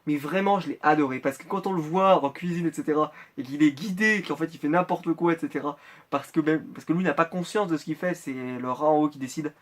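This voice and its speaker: A man from France talks on a close mic as he unboxes collectible figures. His voice sits a little high, and he rambles in a casual way, full of small hesitations and restarts. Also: a little fast. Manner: chatty, rambling with many hesitations. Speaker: Funko Pop collector vlogger.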